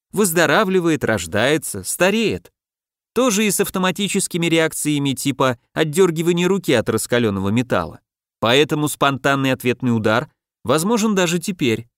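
A man narrating a first-person audiobook in a calm, measured, contemplative manner. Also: mid-range voice, no room sound, clean studio sound.

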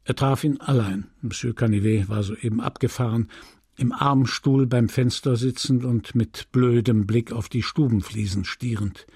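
A man reading a novel aloud as an audiobook narrator in a deliberate, measured way. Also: medium pitch, steady tone, darkish tone, no echo, studio quality. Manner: slow, deliberate, gravelly reading.

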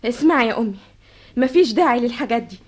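A woman's voice: on the high side, lively intonation, racing, darkish tone. An actress playing a young princess raised as a boy, speaking with an Egyptian accent in an emotional, insistent vintage radio drama. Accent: Egyptian Arabic. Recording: dull old radio broadcast.

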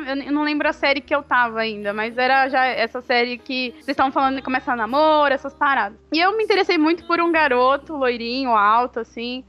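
Woman, high voice, casual slangy storyteller who acts out quotes; dull lo-fi mic with faint music. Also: a bit bright. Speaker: podcast co-host.

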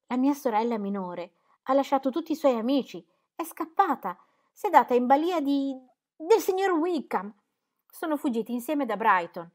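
A woman's voice: fairly high pitch, close to an everyday voice. A woman reading aloud and voicing a desperate young woman, her speech urgent and close to tears. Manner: urgent, breaking, tearful. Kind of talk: audiobook reading.

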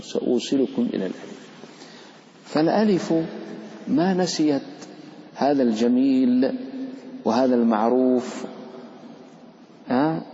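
A man's voice: medium pitch, warm tone, a little hiss or hum. A man, a sheikh teaching Quran recitation rules, explains the material conversationally to his students, quizzes them and gives the letters voices of their own. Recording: dull reverberant hall recording.

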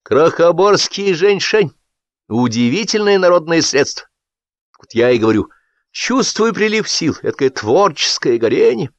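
A man's voice: on the high side, sing-song, unhurried, no room sound, lo-fi sound, voice pushed up. A man reading an audiobook, voicing an effusive, fawning male film director who talks in gushing exclamations.

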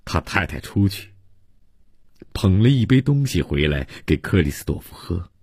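Man, scripted radio novel narration, very low voice, slow, measured, husky, dry. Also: sing-song, darkish tone, dry recording. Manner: measured, deliberate reading. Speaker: storyteller.

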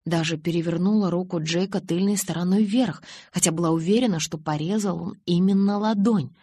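A woman narrating an audiobook in the first person, with a lively, expressive way of reading the dialogue. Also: on the low side, brisk, breathy edge, no echo.

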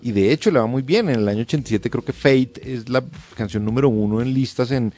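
A male radio host in casual on-air chat, talking in quick restarts and animated asides. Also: mid-range voice.

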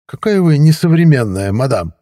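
A man's voice: fairly high pitch, sing-song, moderate pace, mellow, no room sound, studio quality, pitched above the performer's own voice. A man doing a mincing, affected neighbor.

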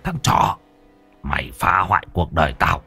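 A man doing a low cackling treacherous sorcerer. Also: normal speed, gravelly, husky, dry recording, soft background music, exaggerated voice. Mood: gloating. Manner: low hushed menacing voice with cackling laughs. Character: treacherous male sorcerer, sneering and vengeful.

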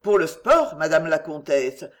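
A man voicing a jaunty, sporting young English lord in an audiobook, with a pleasant warm voice. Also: fairly high pitch, sing-song, unhurried.

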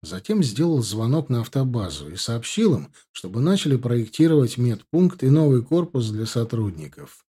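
Husky-voiced male audiobook narrator. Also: medium pitch, big pitch swings, normal speed, mellow. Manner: reflective, conversational. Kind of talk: first-person audiobook narration.

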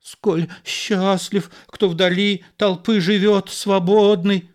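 A man voicing a fat, pompous, cowardly actor, reciting pastoral verse in a high theatrical voice that falters. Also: fairly even intonation, very slow, darkish tone, clean tone. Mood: faltering.

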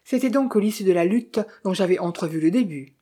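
A woman narrating a detective novel in a measured storytelling manner. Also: medium pitch, animated, dark tone, slightly rough. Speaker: audiobook narrator.

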